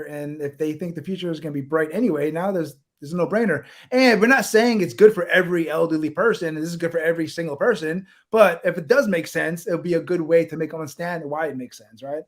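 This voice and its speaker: A man's voice: a little high, fast, hardly any pauses. A man hosting a livestream interview, talking straight to his viewers and passing along their questions. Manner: addresses viewers directly, reads comment questions. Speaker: livestream host.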